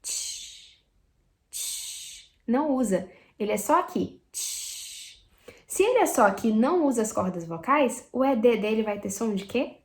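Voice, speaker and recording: A woman from Brazil teaching English pronunciation, demonstrating sounds slowly and repeating them while checking in with her students. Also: a little high, lively intonation. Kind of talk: pronunciation lesson. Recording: echoey room.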